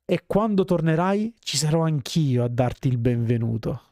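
A man hosting a casual gameplay video, chatting and thinking out loud as he plays. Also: on the high side, expressive, moderate pace, dry recording, clean studio sound. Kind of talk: casual let's-play commentary.

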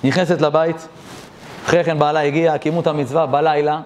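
A man, a rabbi, telling a story in a sermon, animated and talking directly to his listeners. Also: a little high, a little hiss or hum.

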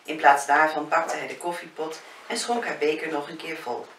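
Woman author narrating a novel, bright voice, echoey room, distant mic. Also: low-pitched, normal speed. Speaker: author reading her own novel. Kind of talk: audiobook narration. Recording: roomy, distant, faint hiss.

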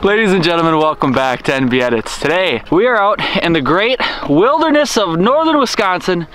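An enthusiastic young man fronts an outdoor fishing vlog, speaking straight to camera with a slightly high voice. Faint outdoor noise sits behind him. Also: sing-song, a little fast, fairly bright tone. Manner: upbeat, enthusiastic, talks to camera. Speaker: outdoor channel host. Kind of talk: energetic vlog presenting. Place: outdoors on a frozen lake, then inside an ice tent.

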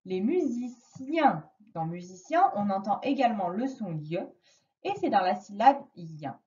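A woman teaching a reading lesson to a young child, slowly and patiently stressing each sound. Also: mid-range voice, sing-song, dark tone, distant mic, muffled recording. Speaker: primary school teacher.

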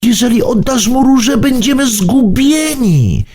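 A man voicing a female rainbow creature who urges and coaxes in a high, pressing voice. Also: animated, measured pace, darkish tone, breathy edge, full character voice. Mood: urgent. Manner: high, urgent, coaxing. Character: bewitched female rainbow creature, urgent and coaxing.

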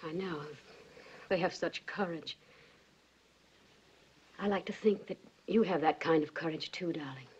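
An actress playing a gentle middle-aged mother speaking tenderly in a 1940s film. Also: on the low side, unhurried, pauses often, breathy edge. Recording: muffled old film soundtrack.

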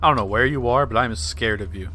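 A man's voice: medium pitch, quick pace, sharp tone, slight background noise. A man hosting a podcast in a loose, chatty way while playing a game. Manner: chatty, loose, with fillers and profanity. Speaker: podcast host. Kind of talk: casual chat while gaming.

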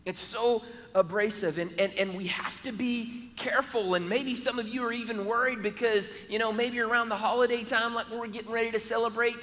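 Bright, high-voiced male pastor preaching. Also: fairly even intonation. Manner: emphatic, repetitive, with halting restarts. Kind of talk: sermon. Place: church sanctuary. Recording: long church hall reverb.

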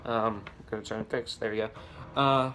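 A man's voice: lowish voice, fairly even intonation, normal speed, sharp tone, a little hiss or hum. Rambling young male vlogger on a phone. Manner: rambling, many restarts and fillers. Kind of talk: casual vlog. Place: home with babies heard nearby. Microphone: phone camera.

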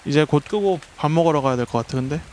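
A man's voice: on the high side, very fast, a little hiss or hum. A man streaming a survival game, talking to his creatures and his chat and yelping when startled. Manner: excitable, yelps and swears when startled; talks to the creatures and the chat while playing. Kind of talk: live gameplay commentary.

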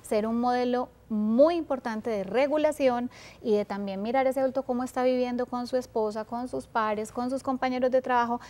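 Colombian woman, parenting expert, calm, raised voice, talk show. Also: on the high side. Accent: Colombian Spanish. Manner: calm, acts out parent and child lines.

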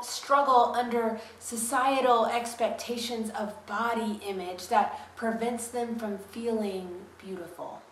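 A woman slowly reading a solemn litany of prayer for a church service. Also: mid-range voice, fairly bright tone. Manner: measured, grave litany reading. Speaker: worship leader. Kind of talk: slow solemn liturgical reading. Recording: echoey room, distant mic, faint hiss.

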